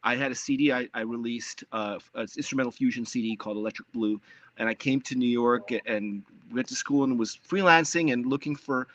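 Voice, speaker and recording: A man talks from his basement over a video call whose audio keeps cutting out. The line sounds dull and lo-fi, yet his voice stays bright and dry. He is easygoing and friendly, pausing often on fillers. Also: medium pitch, no echo. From Cleveland, Ohio. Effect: choppy call audio cutting out. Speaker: guest musician. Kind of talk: casual interview chat. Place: home basement.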